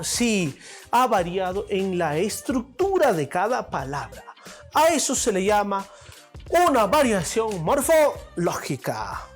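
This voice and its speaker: A man teaching a lesson, asking questions and answering them himself. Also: sits high. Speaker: language teacher. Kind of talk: classroom lesson on linguistics.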